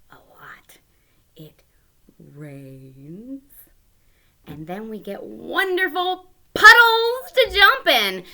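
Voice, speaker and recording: Female storytime host, high lively voice, gentle and animated, whispers asides. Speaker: children's librarian storytime host. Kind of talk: reading a picture book aloud to young children.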